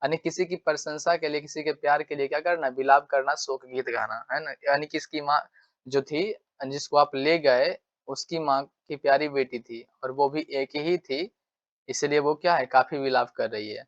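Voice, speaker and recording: A man's voice: fairly high pitch, normal speed. Chatty teacher, man, dull lo-fi recording. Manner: repetitive, keeps checking with tag questions. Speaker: English teacher. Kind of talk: casual exam-prep lesson. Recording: dull lo-fi sound.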